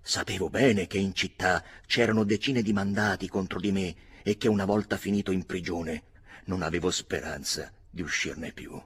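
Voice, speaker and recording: Deep husky male narrator for a literary audiobook, expressive. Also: moderate pace. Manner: dramatic, expressive first-person reading. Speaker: audiobook reader.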